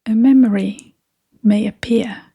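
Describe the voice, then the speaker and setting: Speaking gently and pausing at length, this woman leads a guided meditation. Her voice is soft, breathy and half-whispered, mid-range in pitch, with a steady tone.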